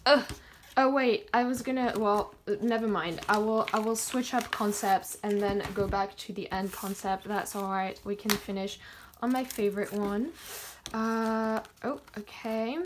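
A woman chatting casually as she unboxes photocards, gushing and excitable, gasping and counting down before each pull. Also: medium pitch, a little slow, background noise. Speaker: kpop collector vlogger.

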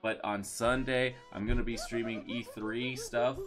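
A man's voice: medium pitch, flat delivery, a little slow, over music. A man streaming live, chatting casually and thanking viewers, rambling with many fillers and restarts.

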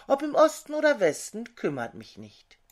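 A woman's voice: fairly high pitch, wildly swooping pitch, moderate pace, pitched above the performer's own voice. Woman voicing the weary wind. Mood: resigned. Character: weary wind, an obedient servant of the sun.

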